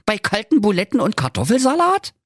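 A man's voice: high-pitched, wildly swooping pitch, fairly quick, a bit bright, no echo, studio quality, voice pushed up, exaggerated voice. A man voicing a cheerful, gushing young male nephew.

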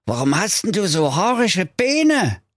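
A man voicing the big bad wolf of a fairy tale in a high, whiny voice, with a Saxon accent. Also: sing-song, unhurried, fairly bright tone, dry recording, clean studio sound, full character voice. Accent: Saxon German. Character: big bad male wolf, greedy then frightened.

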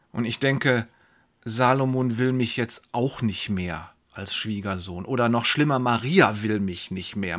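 A man playing a pious, anxious young carpenter, telling his story in first person with emotional swings between brooding and outbursts. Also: medium pitch. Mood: tense.

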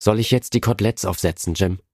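A man's voice: fairly low pitch, quick pace, darkish tone, no echo, clean studio sound. A man reading a storybook voices a young wife who pleads with her husband through tears and then turns tender. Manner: sobbing, pleading.

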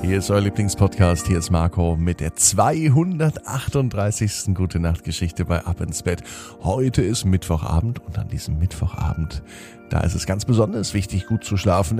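A man's voice: low-pitched, mellow. A man hosting and narrating bedtime stories for children, addressing young listeners directly in simple, explanatory phrases. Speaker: podcast host and bedtime storyteller.

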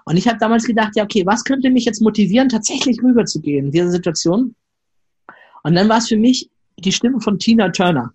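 A man being interviewed as a flirting coach, telling lively stories, acting out inner voices and often ending lines with a questioning "ne?". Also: high voice, quick pace, slight background noise. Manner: lively storyteller, acts out inner voices, frequent "ne?". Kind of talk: conversational interview.

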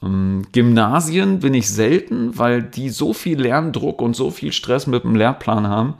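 A middle-aged man telling his story in a relaxed interview, chatty and reflective, with small laughs and tag questions. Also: mid-range voice, a little slow, gravelly. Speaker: dance trainer, podcast guest.

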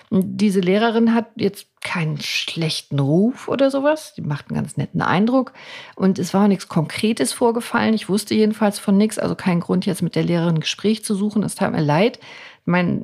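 A woman's voice: lowish voice, creaky, darkish tone. A middle-aged woman, a doctor and mother, tells a personal story in a reflective, conversational way with frequent restarts. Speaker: podcast host.

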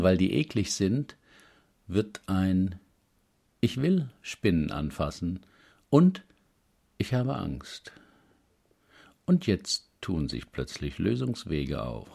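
A man calmly reading a self-help text aloud in a measured, explaining manner. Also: low-pitched.

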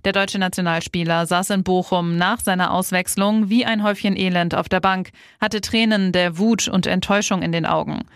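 Lady reading the news, brisk and steady, dry booth sound. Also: on the low side, dry recording. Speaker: news presenter. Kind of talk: scripted news narration.

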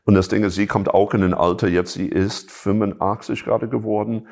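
A deep, gravelly American man from Chicago, a native English speaker, appears as a guest in a casual interview; he's a jazz musician and teacher. His tone is steady, brisk and somewhat dark, yet his delivery is hesitant, packed with fillers and restarts.

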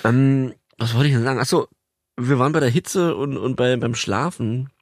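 A man's voice: mid-range voice, normal speed, no room sound, studio quality. A man co-hosting a podcast, hesitant with many fillers and a teasing manner. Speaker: podcast co-host. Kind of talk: casual chat.

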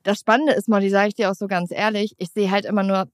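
A woman co-hosts a relaxed podcast conversation in a teasing way. She talks in quick bursts at a middling pitch. The recording is dry and close, with no room sound. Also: no echo. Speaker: podcast co-host. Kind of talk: casual podcast chat.

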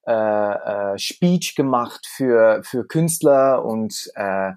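A man's voice: fairly low pitch, expressive, a little mellow. A man from the Netherlands with a Dutch accent, a native Dutch speaker, talking casually as an interview guest and often searching for words. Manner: halting, searching for words in German. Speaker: cabaret performer, interview guest.

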